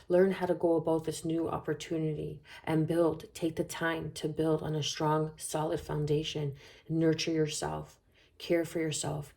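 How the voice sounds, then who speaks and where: Woman, tarot reader, mellow dark tone, gravelly, flowing soothing delivery. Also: low-pitched. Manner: flowing, soothing, repetitive phrasing with frequent "okay?". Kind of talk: spoken tarot reading.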